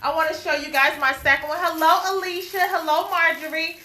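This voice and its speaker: A woman in a casual live video, excitedly showing off packages that came in and greeting viewers by name, repeating herself often. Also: very high-pitched, brisk. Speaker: business owner showing products. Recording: echoey room, faint background noise.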